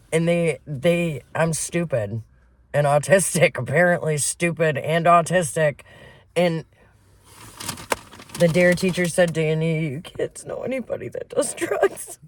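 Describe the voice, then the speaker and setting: A woman's voice: low voice, takes it slowly, dry recording. A woman from Michigan spins a wild, laugh-filled story, swearing freely as she goes. Her voice is close and dry, with no room sound around it. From Flint, Michigan. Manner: profane, laughing, animated storyteller. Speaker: podcast co-host. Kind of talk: casual chat, storytelling.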